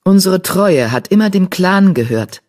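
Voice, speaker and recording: A woman voicing a steady young male warrior cat in an audiobook, speaking in a calm, unmoved way. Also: lowish voice, measured pace, voice pushed up.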